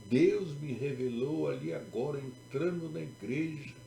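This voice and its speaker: A devout, simple church sister announcing a revelation in earnest, put on by a Brazilian man. The voice sits in a low, gravelly, mellow register. It is heard in a roomy space with faint music underneath. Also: unhurried. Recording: echoey room with faint music.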